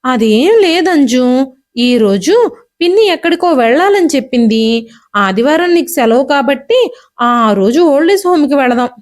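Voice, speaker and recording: A woman voicing a gentle, caring middle-aged father who speaks in a soft, coaxing way. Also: high voice, very animated, measured pace. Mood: evasive.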